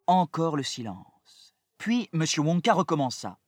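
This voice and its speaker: Male audiobook narrator, expressive, dramatic, husky, lively pitch, dry close sound. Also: measured pace, no room sound. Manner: lively and dramatic, shifting with the story.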